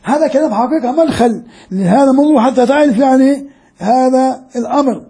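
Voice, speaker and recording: A man's voice: very high-pitched, brisk, warm tone. An older man, a sheikh and professor, lecturing students and repeating key phrases as he explains. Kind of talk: classroom lecture.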